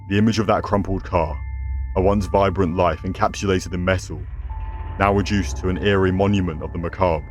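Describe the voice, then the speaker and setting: Music plays under the voice of a deep-voiced man in the style of a horror host. He addresses listeners as a storyteller, reading scripted scary stories with theatrical, ominous delivery.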